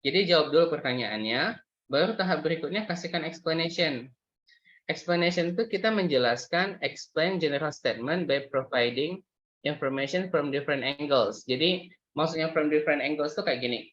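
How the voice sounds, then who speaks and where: A man's voice: a little high, normal speed, fairly bright tone. Man teaching, with slightly dull audio. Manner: explanatory, mixes English terms into speech, frequent fillers. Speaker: IELTS speaking tutor. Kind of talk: online workshop lecture.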